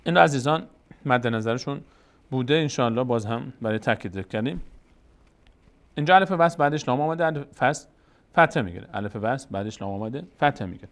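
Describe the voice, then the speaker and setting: A man in the middle of his range teaches Quran reading at a steady, unhurried pace. He explains each rule in plain, patient terms. Then he slows right down to draw out single syllables one by one. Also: medium pitch. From Tajikistan. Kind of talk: step-by-step recitation lesson.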